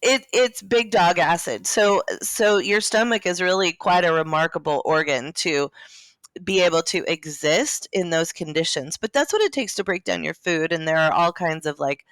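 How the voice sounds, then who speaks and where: Groggy low-voiced woman podcast co-host. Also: normal speed, fairly bright tone, no room sound. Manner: chatty, explains anatomy with jokes. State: groggy morning voice. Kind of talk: casual health podcast chat.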